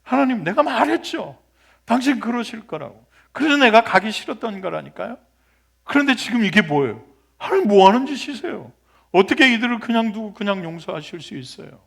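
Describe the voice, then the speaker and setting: A man voicing the prophet Jonah as an indignant, complaining man who protests loudly and sounds exasperated. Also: a little high, brisk, close to an everyday voice.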